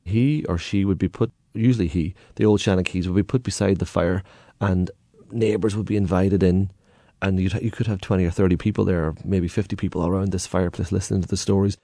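Man, Irish accent, lilting storyteller, low mellow voice, colloquial, dry close sound. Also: steady tone, brisk, no echo. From Ireland. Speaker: guest, tour guide and storyteller.

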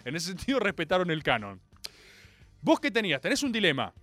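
A man's voice: sits high, pushed and bright, no room sound. A man with a Rioplatense Argentine accent hosting a radio show, telling a comic monologue in slangy, theatrical storytelling. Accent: Rioplatense Argentine Spanish. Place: radio studio.

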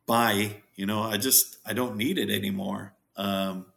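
A middle-aged man talks casually as a guest, jokey and animated. His voice sits fairly low but rings bright and forceful. He throws himself into quoted lines. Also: normal speed, gravelly. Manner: jokey, animated, acts out quotes with big pitch jumps. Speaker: farm owner, podcast guest. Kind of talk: casual interview chat.

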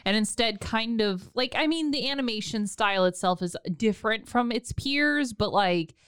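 A woman's voice: a little high, expressive, normal speed, a bit bright, clear, resonant tone, no room sound, clean studio sound. A young woman co-hosting a podcast in casual chat, chatty and playful, full of "like" fillers. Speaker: podcast co-host.

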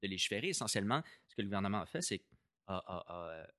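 A man from Quebec, Canada, with a Québécois French accent explains policy in a casual discussion, repeating words as he thinks and mixing in English terms. His fairly low voice is sing-song, rapid-fire and fairly bright, in a dry, studio-quality recording.

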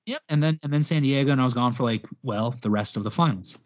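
A man in his late thirties rambles through casual podcast chat in a self-mocking, animated way, with a mid-range voice. The audio is dull and slightly lo-fi. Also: mid-range voice, quick pace. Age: 30s. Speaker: podcast host.

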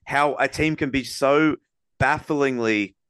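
A man hosting a casual sports podcast, breaking down games in a rapid, rambling analytical way with many restarts. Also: mid-range voice, fairly bright tone, clear, resonant tone, dry recording, studio quality. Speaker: podcast host.

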